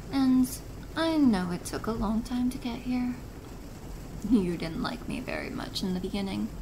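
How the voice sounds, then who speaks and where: A woman playing a possessive, doting and controlling stepmother in an ASMR role-play drama, chiding in a deliberate, motherly way. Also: a little high. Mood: tender, coaxing. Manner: slow, deliberate, softly chiding, maternal. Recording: noisy rain ambience behind voice. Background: rain.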